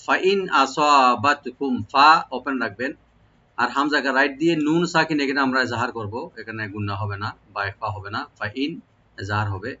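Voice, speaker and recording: A man teaching Quran recitation rules, reciting Arabic words slowly and drawn out, then explaining each letter sound. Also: medium pitch, steady tone, sharp tone, muffled recording.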